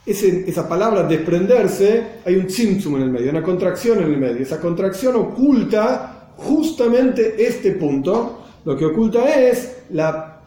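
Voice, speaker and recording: Argentine man, teacher, explains hebrew texts in class, high voice, mellow tone, echoey room. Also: animated, a little slow. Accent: Argentine Spanish. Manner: reads Hebrew phrases then explains them, checks on the students.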